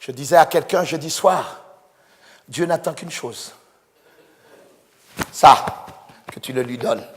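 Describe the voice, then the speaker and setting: A male pastor preaching a sermon fervently, swinging from hushed tones to shouts. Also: fairly high pitch, takes it slowly, pauses often. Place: church. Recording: echoey church hall with congregation.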